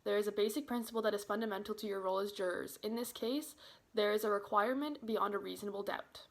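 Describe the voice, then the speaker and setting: A woman's voice: mid-range voice, steady tone, fast talker, close to an everyday voice. A woman playing a judge who gives formal instructions to a jury in an amateur courtroom role-play. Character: formal female trial judge. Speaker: judge in a mock trial.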